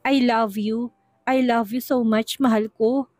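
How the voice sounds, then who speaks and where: A woman's voice: fairly high pitch, fairly even intonation, takes it slowly, a little mellow, no echo, studio quality. A woman voicing a tearful, pleading young woman in a storybook reading. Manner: pleading, emotional. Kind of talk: storybook narration.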